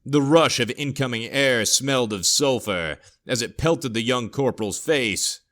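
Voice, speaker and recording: A man narrating a scripted horror story in a steady, low storytelling voice. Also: unhurried.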